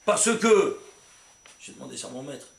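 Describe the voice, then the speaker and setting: A man teaching a kabbalah class as rabbi, asking his students questions and rising to excited exclamations. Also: medium pitch, normal speed, creaky. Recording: echoey room, faint hum.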